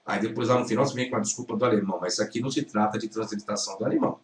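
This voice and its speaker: A man's voice: lowish voice, rapid-fire. Brazilian male teacher, corrective lecture tone, heard from a distance in a roomy space. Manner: didactic, corrective, repeats pronunciations. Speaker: Hebrew teacher reacting to a video. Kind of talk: critical lecture commentary.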